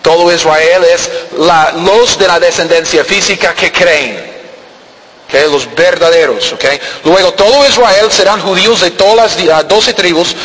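Animated preacher man in a reverberant hall. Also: sits high, unhurried. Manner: animated, rhetorical questions to the congregation. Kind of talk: sermon. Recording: reverberant hall, faint background noise.

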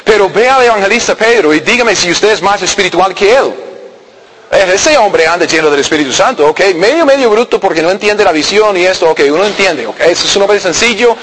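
A man's voice: high voice, lively intonation, a little fast, fairly bright tone, breathy edge. A man preaching a conversational sermon, often checking in with his listeners and repeating words as he goes. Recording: long hall reverb.

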